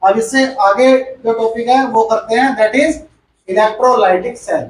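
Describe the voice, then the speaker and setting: A man's voice: extremely high pitch, slow, a little hiss or hum. A male chemistry teacher gives a classroom lecture. He repeats each point and quizzes the class as he goes. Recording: echoey room, far from the mic.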